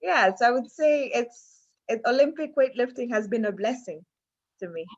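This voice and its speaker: A woman's voice: on the high side, expressive, normal speed, dull audio. A woman from Kenya with a Kenyan accent, talking casually and chattily as an athlete being interviewed, often repeating phrases for emphasis.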